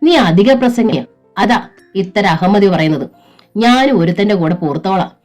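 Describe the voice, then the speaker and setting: A woman's voice: animated, normal speed, darkish tone, soft background music, natural voice. A woman voicing a stern, domineering older mother-in-law who scolds and lectures. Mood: scolding. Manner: scolding, shrill.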